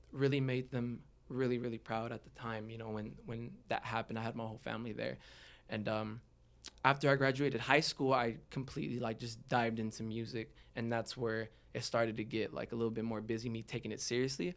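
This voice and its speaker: A young man from the Los Angeles area with a Southern California accent tells his own story as a podcast guest, open, informal and slangy. His mid-range, gravelly voice is brisk with fairly even intonation.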